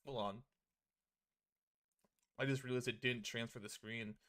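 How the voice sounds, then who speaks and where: With game music in the background, the streamer reads on-screen visual novel text and chats informally, swearing at times. He speaks unhurriedly in a mid-range voice that's pushed and bright, his intonation fairly even.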